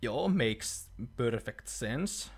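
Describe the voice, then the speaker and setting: A man's voice: medium pitch, animated, breathy edge. A young Finnish man commentating a horror game as he plays, chatty and easily startled, swearing when scared. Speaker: let's play host. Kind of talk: live gameplay commentary.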